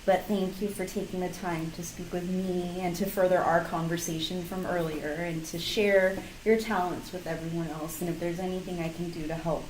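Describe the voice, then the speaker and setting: A woman's voice: on the low side, darkish tone. A woman interviewer chatting casually and encouragingly in a hard-walled office with a metallic flutter echo. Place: small hard-walled office in co-working space. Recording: roomy flutter echo, faint noise.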